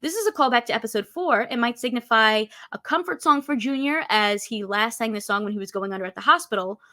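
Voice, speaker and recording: A woman's voice: fairly high pitch, fast talker, sharp tone, no echo, studio quality. A woman presenting a scripted pop-culture video as a narrator.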